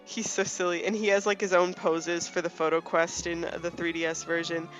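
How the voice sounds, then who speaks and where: A woman's voice: lowish voice, flat delivery, moderate pace, faint music behind. A woman in her twenties chatting casually about a game, talkative and often restarting her sentences. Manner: chatty, self-correcting, many restarts. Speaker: co-host.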